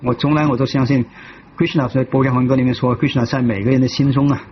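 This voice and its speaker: Halting man telling his story, lo-fi. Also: mid-range voice, flat delivery, slight background noise. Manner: halting, with many restarts and repetitions. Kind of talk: personal testimony.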